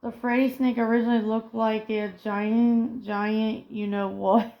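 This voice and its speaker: A woman's voice: on the high side, flat delivery, a little slow, muffled recording. A woman co-hosting a casual pop culture chat, reading film trivia aloud and often stumbling over and correcting her words. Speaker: co-host.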